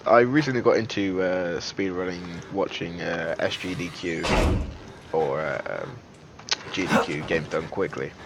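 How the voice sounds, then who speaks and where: A man's voice: low-pitched, measured pace, gravelly, heavy background noise. A man giving casual, joking gameplay commentary as a streamer, chatty and self-deprecating with lots of fillers. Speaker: game streamer.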